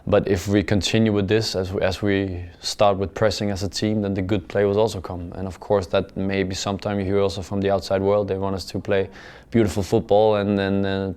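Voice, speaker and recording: A young football player with a low voice answers post-match interview questions in careful English, his pitch level with little rise or fall. He's halting and measured, repeating words and filling pauses with many "uh"s, and his sentences fade out quietly.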